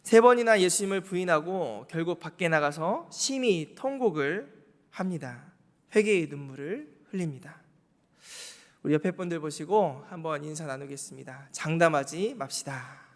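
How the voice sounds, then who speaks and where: A man's voice: fairly high pitch, expressive, moderate pace. A male pastor preaching a Wednesday sermon in a church, posing rhetorical questions and repeating key words for emphasis. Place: church sanctuary. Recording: reverberant church hall.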